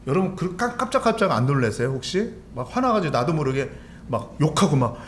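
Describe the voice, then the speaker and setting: A man's voice: on the high side, very animated, fast. A man pastor giving a sermon in a church, talking conversationally and putting questions to the congregation. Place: church sanctuary. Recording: echoey church with faint room noise.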